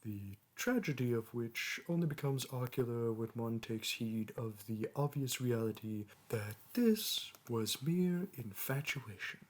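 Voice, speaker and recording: A man voices a haughty young dragon who teaches human students in this roleplay audio, using lofty, archaic language in a medium-pitched male voice. Pompous and disdainful, he treats the listener as a lesser creature, lecturing solemnly and expressively at a measured pace with hardly any pauses.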